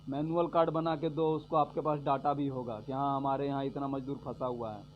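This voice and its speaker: A man giving a sarcastic political rant, repeating his points and swinging between loud jabs and low mutters. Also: flat delivery, brisk. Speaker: vlogger giving political commentary. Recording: dull lo-fi audio with faint hum.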